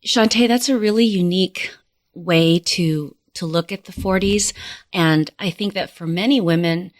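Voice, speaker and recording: A woman hosting a podcast interview, speaking in a measured, earnest way. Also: fairly low pitch, no echo, clean studio sound. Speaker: podcast host.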